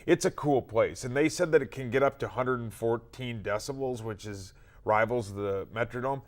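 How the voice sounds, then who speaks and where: A man's voice: medium pitch, normal speed. Blunt, opinionated American male sports co-host. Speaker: sports talk show co-host. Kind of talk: casual sports banter.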